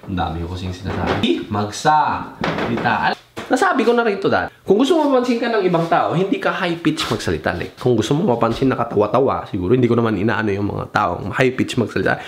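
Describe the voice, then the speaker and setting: Animated young Filipino-sounding vlogger man. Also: mid-range voice, fast talker, slight background noise. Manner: mixes Tagalog and English, swears casually, mimics other people; rambling and loose, loses his train of thought. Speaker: vlogger giving advice. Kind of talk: casual advice vlog.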